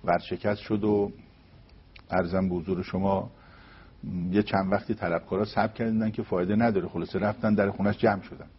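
A man giving a religious talk, telling a story and reciting verses slowly and deliberately. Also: on the low side, fairly even intonation, husky, lo-fi sound. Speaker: religious speaker.

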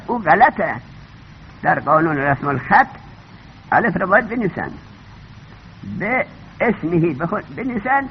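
An older man giving a classroom lecture as a seminary teacher, animated and conversational, mixing anecdotes into the lesson. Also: high voice, highs cut off, a little hiss or hum. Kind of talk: classroom lecture on Arabic grammar.

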